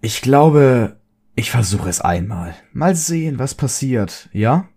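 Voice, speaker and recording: A man voicing a nervous, blunt young man in an audio drama reading, speaking loud and blurting. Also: mid-range voice, very animated, slow, slightly rough, pitched above the performer's own voice, exaggerated voice. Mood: unsure.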